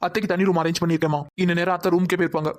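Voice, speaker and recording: Brief: a bossy, scolding young cartoon man, mid-pitched and rapid-fire, as a voice actor plays him. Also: flat delivery, natural voice. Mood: gentle. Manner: commanding, scolding. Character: stern young man, the household head. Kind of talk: cartoon dub acting.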